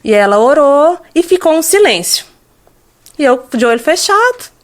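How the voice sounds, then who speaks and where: A woman's voice: sits high, very animated, moderate pace. A Brazilian woman in her thirties giving an earnest personal testimony as a podcast guest, hesitant, with frequent restarts. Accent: Brazilian Portuguese.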